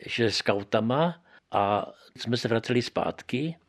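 A man's voice: mid-range voice, expressive. An older man from Moravia telling his life story in a conversational way, often adding tag questions. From Moravia, Czech Republic. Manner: conversational, keeps adding tag questions, acts out quoted lines louder. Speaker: witness recounting his youth. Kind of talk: oral history storytelling.

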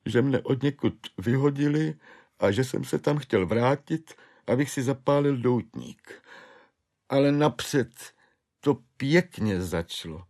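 A man's voice: mid-range voice, creaky, a little mellow, voice pushed up, natural voice. A man voicing a despairing middle-aged clerk and father, who pleads and wails in self-pity. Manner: wailing, pleading, self-pitying.

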